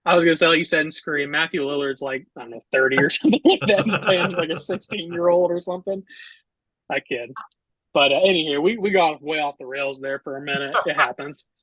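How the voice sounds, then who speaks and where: A man's voice: fairly high pitch, fairly quick, fairly bright tone, dry recording, muffled recording. A man in his late twenties co-hosting a podcast, joking and stammering over restarts as he chats. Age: late 20s. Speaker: podcast co-host. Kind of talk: casual interview chat.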